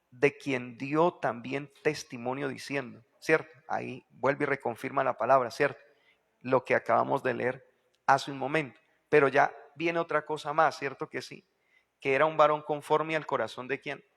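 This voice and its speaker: A man's voice: medium pitch, steady tone, normal speed, creaky, fairly bright tone, long reverb tail. A male pastor preaching a sermon, peppering it with rhetorical questions to the congregation and repeating key phrases for emphasis.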